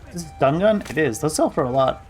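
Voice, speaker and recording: A man's voice: a little high, animated, quick pace, darkish tone, soft background music. A man streaming a video game, giving casual commentary and musing aloud to himself.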